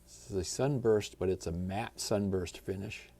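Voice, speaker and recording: A man hosting a guitar channel, chatting in a relaxed, folksy way while unboxing a new guitar. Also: low-pitched, moderate pace, creaky. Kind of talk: casual unboxing vlog.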